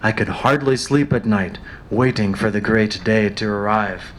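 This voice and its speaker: A man reading passages aloud and retelling them in his own words, pausing with fillers, his throat a little dry. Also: on the low side, a little hiss or hum. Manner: reads quoted passages, then paraphrases with pauses and fillers. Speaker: reader of a biography.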